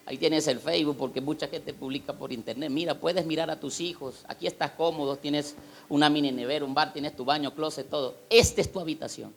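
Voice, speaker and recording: A male preacher acting out Jesus as a calm, gracious figure in a sermon story, speaking softly and low. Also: vocal fry, slight background noise. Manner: soft, low, unhurried.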